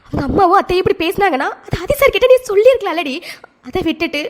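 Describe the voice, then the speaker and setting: A woman's voice: extremely high pitch, lively intonation, very fast. A woman voicing Vaishu, a worried young woman in a cartoon, questioning her friend with urgency. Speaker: cartoon character. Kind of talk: Tamil cartoon voice acting.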